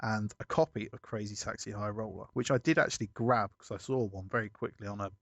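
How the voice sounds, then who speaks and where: Lower-voiced bloke, chatty podcast co-host who rambles and self-corrects, dull lo-fi dry sound. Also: male voice, steady tone, quick pace, gravelly, fairly bright tone, no room sound. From United Kingdom. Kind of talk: casual podcast chat.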